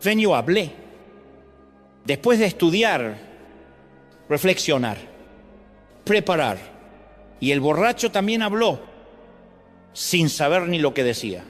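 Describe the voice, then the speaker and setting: A man with an Argentine accent, a pastor delivering an animated sermon to his congregation. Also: slow pace, long pauses. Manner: animated preaching with sweeping pitch jumps. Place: large church auditorium. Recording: long hall reverb with faint music. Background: faint music.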